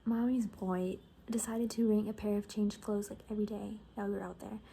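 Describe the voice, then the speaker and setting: In a soft-spoken ASMR roleplay, a woman plays a sassy, gossipy apocalypse survivor, chatting casually and sarcastically and frequently slipping into a whisper. Her mid-range voice is creaky, level in tone, and brisk, with slight background noise.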